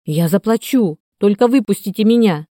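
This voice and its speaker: A woman's voice: mid-range voice, expressive, normal speed, mellow, dry recording, studio quality, close to an everyday voice. A woman voicing a desperate man who pleads in a raised, urgent voice. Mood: eager.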